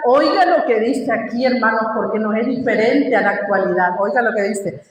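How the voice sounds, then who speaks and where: A woman's voice: fairly high pitch, moderate pace, slight background noise. A woman preaching a sermon, emphatic and asking her listeners questions as she teaches. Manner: emphatic, asks the congregation questions. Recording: echoey hall reverb.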